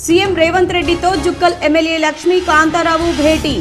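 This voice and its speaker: A woman with a high, clear voice reads the evening news headlines in a measured, formal way. Faint background music plays beneath her. She sounds like a local television anchor. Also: level tone. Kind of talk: reading headlines.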